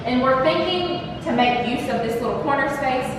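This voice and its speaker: Woman, higher voice, chatty home tour, big hall echo, bare room, off-mic. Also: normal speed, far from the mic, noisy background. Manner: chatty, upbeat, many fillers. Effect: big hall echo of an empty room. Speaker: vlog host. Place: empty apartment. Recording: echoey empty room, voice from off-mic.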